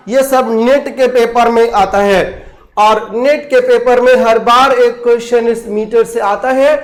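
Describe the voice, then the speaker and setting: Male lecturer, very high pitch, slow deliberate delivery, reads verse aloud and quizzes students. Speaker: English literature teacher. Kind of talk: exam-prep lecture in Hindi and English.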